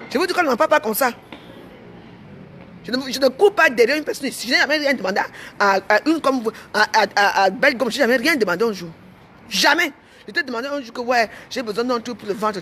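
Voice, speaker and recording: A woman's voice: on the high side, a bit bright. This is a woman with a Cameroonian French accent, venting to her followers in an angry vlog. She talks in an indignant, repetitive way, punching her points with "hein". A light background hiss sits beneath her voice. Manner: indignant, repeats herself, ends phrases with "hein". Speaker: vlogger. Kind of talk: heated rant to camera.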